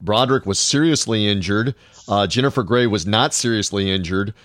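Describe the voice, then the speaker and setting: A man with a lowish voice co-hosts a relaxed movie podcast. He rambles through his points with frequent hesitations and a dry sarcastic streak, recorded close and dry. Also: moderate pace, dry recording. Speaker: podcast co-host. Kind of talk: casual movie chat.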